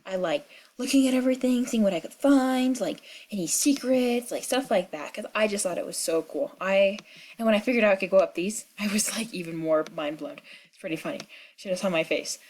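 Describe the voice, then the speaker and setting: A young woman with a slight cold talks through a game at home in loose, rambling commentary. She is chatty and full of fillers and side remarks, and her voice sits at a middle pitch. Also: brisk, a little mellow. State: sick with a cold, clearing throat. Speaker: gaming vlogger. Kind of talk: casual rambling commentary over gameplay. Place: at home in the country.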